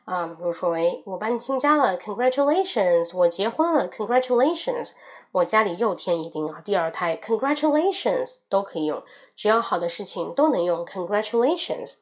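A young woman hosts an audio English lesson. She says each English phrase several times, slowly and with emphasis, then explains it in Mandarin. Her voice sits at an ordinary middle pitch. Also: sing-song. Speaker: English teacher.

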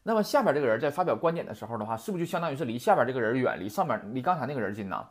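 With a mid-range voice, big pitch swings and a very fast pace, a language teacher works through example sentences in class. Each one is quoted and explained, and "right?" comes up constantly as a comprehension check.

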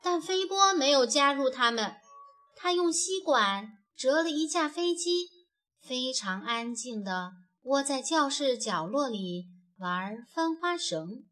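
Woman narrator, children's storybook, gentle, expressive, lively high voice. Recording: faint background music.

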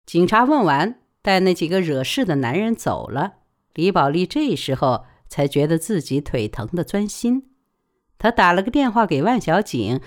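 A woman narrating an audiobook episode in an expressive, dramatic reading style. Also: fairly low pitch. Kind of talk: audiobook storytelling.

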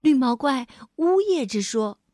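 A woman narrates a children's storybook with a high, sing-song voice that swoops up and down. She takes her time and draws out her sentence-final particles. The recording is close and dry. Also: big pitch swings, a little slow, mellow, no room sound.

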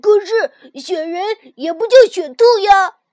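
A woman voicing a loud, excitable little frog boy. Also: extremely high pitch, measured pace, no room sound, studio quality, pitched above the performer's own voice. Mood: indignant. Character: lively young male frog, loud and quick to shout.

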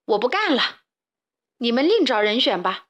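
A woman's voice: on the high side, sing-song, normal speed. A woman voicing an indignant rooster father who leads a chicken coop, in a children's storybook. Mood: angry. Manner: huffy, indignant.

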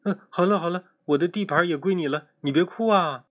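A man's voice: fairly high pitch, lively intonation, brisk, pitched above the performer's own voice. A man voicing a fussy young schoolgirl classmate, bossy but kind, in a raised childlike voice.

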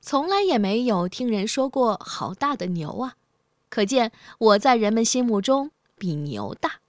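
Brief: woman putting on a cocky, shrill storybook mouse, small and sly, pitched high with a bouncy, lively lilt. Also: a little slow, no room sound, clean studio sound. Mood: boastful. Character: boastful sly little male mouse.

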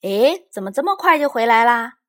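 A woman voicing a calm, wise mother bear in a children's storybook, speaking gently. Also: a little high, moderate pace, voice pushed up.

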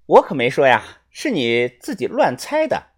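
Narrator playing a guarded young woman, brisk, audiobook, husky, very lively pitch. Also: full character voice. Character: Ah Chun, a tense young woman, sister-like protector. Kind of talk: audiobook character voice.

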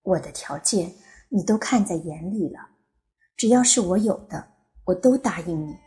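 A woman's voice: on the low side, lively intonation, moderate pace, warm tone, close to an everyday voice. A woman doing an eager pleading man suitor. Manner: eager, pleading, gets flustered. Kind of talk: audiobook character voice.

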